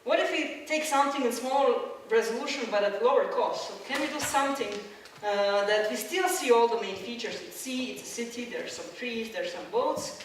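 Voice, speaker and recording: A woman's voice: fairly high pitch, moderate pace, slight background noise. A woman from Croatia giving a public science lecture with slides. She explains step by step, with many fillers and restarts. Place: lecture hall. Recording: echoey hall, mic at a distance.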